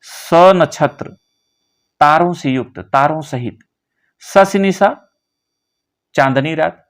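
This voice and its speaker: A man teaching a poem line by line, slowly glossing word meanings one by one. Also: fairly high pitch. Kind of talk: line-by-line poem explanation lesson.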